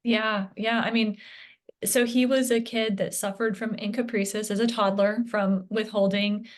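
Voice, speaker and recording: A woman speaking as an interview guest, a parent recounting her son's health journey in an earnest, halting way with frequent restarts. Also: medium pitch, little pitch movement. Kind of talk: candid interview conversation.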